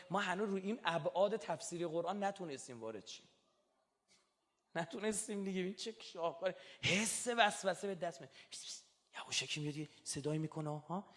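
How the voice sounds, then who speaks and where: Male preacher, high voice, bright tone, lively emphatic lecture delivery. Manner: animated, rising to emphatic outbursts, chants Quranic verses. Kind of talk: religious lecture.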